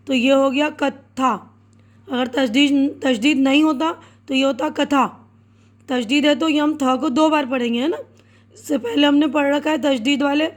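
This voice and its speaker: High-voiced woman teacher spelling out words. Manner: patient, spells words out letter by letter; checks in with "theek hai" often. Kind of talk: step-by-step writing lesson.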